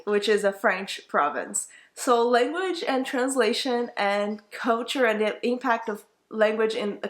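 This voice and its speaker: With a mid-range voice and a Brazilian Portuguese accent, this young woman, a native speaker of Portuguese, gushes informally about a book, rambling and fixing her words as she talks.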